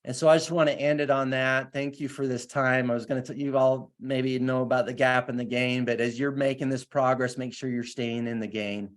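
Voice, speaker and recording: A man's voice: medium pitch, little pitch movement, fairly quick, hardly any pauses. A man speaking as a guest, giving an earnest, enthusiastic motivational talk and then answering questions, often restarting his sentences.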